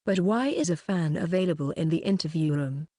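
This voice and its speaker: A woman narrating a light novel audiobook in an even, plain reading style. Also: on the low side, a little fast, no room sound, studio quality.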